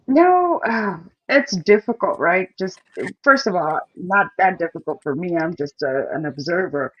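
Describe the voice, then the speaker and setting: A woman calling into a live stream and giving frank, unhurried advice with many fillers. Her call audio is staticky and keeps cutting in and out. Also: on the low side, lively intonation, dry recording. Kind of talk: casual advice to the host. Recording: dull, staticky call line.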